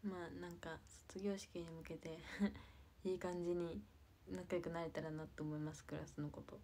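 A teenage girl with a soft, quiet voice, chatting casually on a livestream, rambling with many fillers and giggles. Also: fairly low pitch, little pitch movement, normal speed, slight background noise. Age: teens. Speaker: idol livestreamer.

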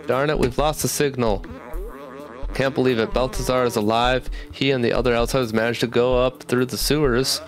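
A man's voice: mid-range voice, fairly even intonation, normal speed, faint music behind, close to an everyday voice. A man voicing a hopeful, earnest small robot companion, reading game lines aloud in a raised voice.

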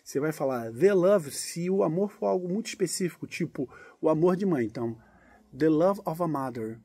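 A man from Brazil teaching English in a relaxed, patient way, with guitar and snatches of singing. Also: fairly high pitch, normal speed, breathy edge, no echo. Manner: explains patiently, sings lyric lines to guitar. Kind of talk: casual English lesson.

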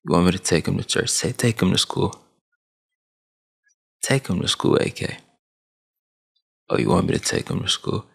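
Deep, gravelly and slightly rough, this man's voice is very animated at a normal pace, with frequent pauses. He's a vlogger in his twenties from Sudan who grew up in Saudi Arabia, lecturing the camera like a preachy big brother with emphatic hand gestures. He uses a headset with a boom mic in a small dim room at home, a gaming chair behind him.

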